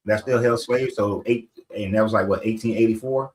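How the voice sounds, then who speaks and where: A middle-aged man with a low voice lays out his point of view in a casual discussion. He explains step by step and checks in with rhetorical questions as he goes. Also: fairly even intonation, a little fast, poor audio.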